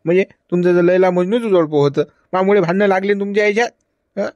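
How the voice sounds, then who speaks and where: A man's voice: high-pitched, steady tone, fast talker, darkish tone, no echo, muffled recording. A man in comic village banter, lecturing and chiding with frequent "hm?" prompts. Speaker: cartoon character voice.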